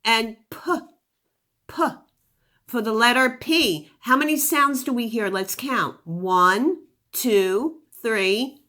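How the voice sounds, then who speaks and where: Teaching phonics to young children, a woman sounds out each word with exaggerated articulation, offering praise and asking questions to encourage them. Her voice is a little high, pushed and bright, and she takes things slowly.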